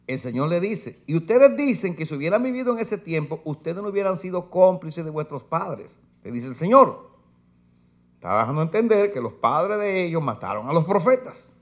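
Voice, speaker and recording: A man's voice: a little high, big pitch swings, moderate pace. A man preaching a sermon in church, reading scripture aloud with force and putting rhetorical questions to his listeners. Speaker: pastor. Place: church sanctuary.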